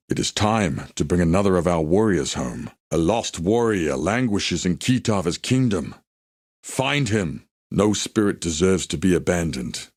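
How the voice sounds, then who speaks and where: Haku, deep solemn warrior. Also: male voice, a little mellow, dry recording, clean studio sound. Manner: solemn, measured, formal storytelling delivery. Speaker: video game character. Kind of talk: dramatic scripted game dialogue.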